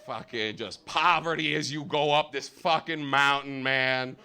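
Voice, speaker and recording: A young American man doing a stand-up comedy set on stage, loud and swearing, his voice jumping high on punchlines. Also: fairly even intonation, measured pace, smooth. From United States. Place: comedy theater with a live audience.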